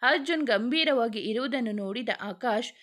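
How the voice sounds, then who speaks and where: A woman tells a dramatic story in a fairly high voice. She reads it as a steady, scripted narration. She gives the characters' lines only small changes in her own voice. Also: moderate pace.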